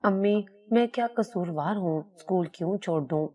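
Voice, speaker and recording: A frightened young schoolgirl speaks timidly and close to tears in a storybook tale, as a woman narrator reads her. The voice stays mellow and rather low. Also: far from the mic, lightly acted. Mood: timid tearful. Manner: tearful, timid.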